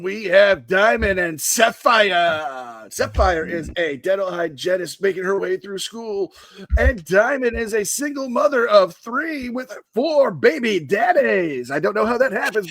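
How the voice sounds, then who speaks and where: A man's voice: high-pitched, expressive, measured pace, fairly bright tone, no room sound. A male podcast co-host in casual chat, blunt and profane in his banter.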